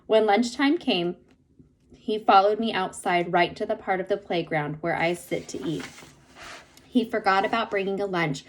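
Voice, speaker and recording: A woman reading a novel chapter aloud in steady storytelling narration. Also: lowish voice, low-quality recording. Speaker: reader.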